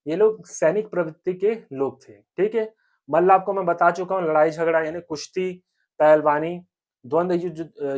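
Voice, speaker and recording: A young man teaching a history lesson for exam preparation. He keeps asking questions and answering them himself, repeats key points, and often checks in with the viewers as friends. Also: fairly high pitch. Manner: repetitive, asks and answers own questions; frequent 'theek hai friends' check-ins.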